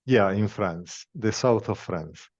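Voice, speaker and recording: A man's voice: on the low side, a little mellow. Argentine-accented man, muffled call audio. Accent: Argentine Spanish. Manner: measured, non-native phrasing with pauses. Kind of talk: conversational interview.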